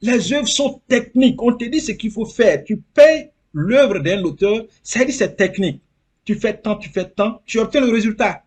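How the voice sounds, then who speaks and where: A man's voice: high voice, expressive, moderate pace, darkish tone, husky. A man from Côte d'Ivoire, talking as a guest in a casual interview, earnest and repeating phrases for emphasis.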